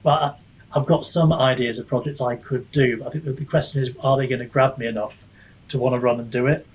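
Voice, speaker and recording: A man with a medium-pitched, steady voice speaks briskly, chatting reflectively as an author in a casual podcast interview. He sounds hesitant and self-deprecating and often wanders off mid-thought. The audio is poor, with slight background noise.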